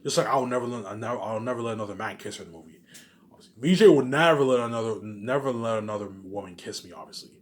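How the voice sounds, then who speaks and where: At a racing pace, a man with a fairly low pitch rambles through a casual vlog monologue. Boastful and profane, he hammers his points, says things twice, and asks himself questions only to answer them.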